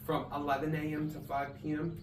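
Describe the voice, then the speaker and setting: A man's voice: fairly high pitch, monotone, quick pace. A man co-hosting a podcast, chatting playfully and rambling, recorded in a garage. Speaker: podcast co-host. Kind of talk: casual comedy chat. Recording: echoey garage, far from mic, faint noise.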